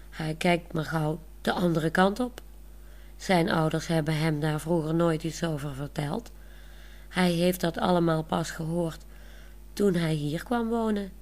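A woman narrating a storybook in a plain, clear reading style. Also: deep voice, darkish tone.

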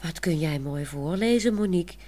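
A woman's voice: on the low side, expressive, moderate pace, mellow. Woman voicing a shy stammering man in love. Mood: bashful. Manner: hesitant, stammering. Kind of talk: storybook reading.

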